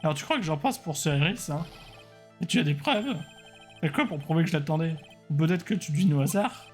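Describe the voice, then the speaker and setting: A man's voice: a little high, lively intonation, fairly quick, soft background music, close to an everyday voice. A man voicing a goofy, hapless young man who whines, stammers and gets defensive. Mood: whiny.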